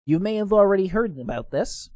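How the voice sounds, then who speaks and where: A man's voice: high-pitched, animated, brisk, darkish tone, no echo, clean studio sound. A man hosting casual online news commentary, reading posts aloud and stumbling now and then. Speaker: host.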